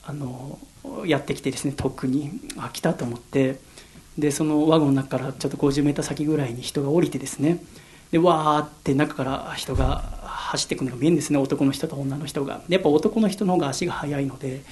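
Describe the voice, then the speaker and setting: A man's voice: on the high side, steady tone, quick pace, a little mellow. A young man from Yokohama hosting a solo radio show, telling personal stories in an earnest, reflective way. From Yokohama, Japan. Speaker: radio host.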